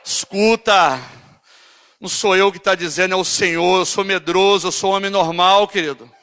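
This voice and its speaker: A Brazilian man preaching a fervent Pentecostal sermon in church, shouting and breaking into tongues. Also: sits high, flat delivery, fairly quick, clean tone. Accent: Brazilian Portuguese. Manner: shouting, speaking in tongues between phrases. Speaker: evangelist preacher. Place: church hall. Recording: church hall reverb with music.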